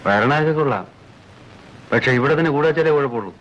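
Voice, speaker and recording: A man's voice: mid-range voice, expressive, quick pace, fairly bright tone, slight background noise, close to an everyday voice. A man playing a grumbling husband. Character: grumbling middle-aged husband. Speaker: film actor. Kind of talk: comedic film acting. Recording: muffled film soundtrack.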